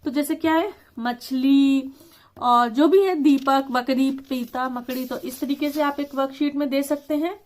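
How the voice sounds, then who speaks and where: High-voiced woman explaining a lesson. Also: fairly even intonation, a little mellow. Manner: slow, deliberate word reading with stressed syllables; casual mix of English words in her talk. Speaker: teacher.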